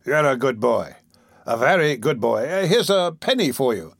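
A man voicing a hot-tempered, pompous older gentleman official in an audiobook. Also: medium pitch, animated, moderate pace, creaky, no room sound, studio quality. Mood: patronizing.

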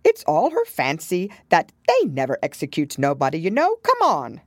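A woman voicing a male griffin creature in a storybook, talking in rough, ungrammatical speech. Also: low-pitched, huge pitch swings, normal speed, no echo, clean studio sound, exaggerated voice. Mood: gleeful. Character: coarse chuckling male griffin.

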